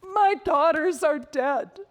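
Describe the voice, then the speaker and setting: A woman telling a dramatic personal story in a slow, intense way, sometimes sinking to a whisper. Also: high voice, lively intonation, in a large hall. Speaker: speaker.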